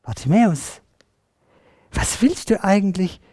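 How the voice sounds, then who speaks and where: A storyteller voicing a calm, kind teacher figure who asks gently in a children's Bible story. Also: mid-range voice, a little slow, dry recording, studio quality. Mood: gentle.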